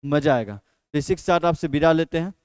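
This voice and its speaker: A man's voice: fairly high pitch, fairly quick, clear, resonant tone, no room sound. A man teaching an exam practice lesson, repeating each question and then answering it himself.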